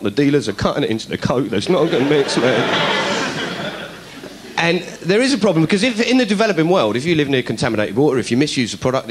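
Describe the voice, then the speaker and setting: A middle-aged comedian host tells a story to a studio audience, lively and doing voices for the people he quotes. His pitch is medium.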